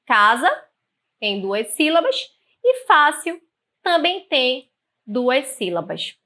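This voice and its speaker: A woman teacher with a Brazilian Portuguese accent giving an online grammar lesson, speaking clearly and slowly spelling out syllables. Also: high voice, sing-song, sharp tone.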